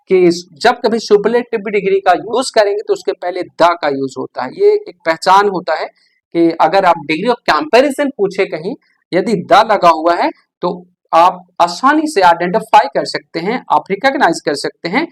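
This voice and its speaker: A teacher explaining an English grammar lesson in Hindi, checking understanding with rhetorical questions and spelling rules out slowly. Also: mid-range voice, animated. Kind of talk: classroom-style grammar lesson.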